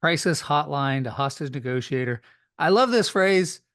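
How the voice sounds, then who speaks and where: A man's voice: a little high, lively intonation, moderate pace, a bit bright, no room sound, studio quality. A man hosting an interview in a casual, conversational style. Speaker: interview host.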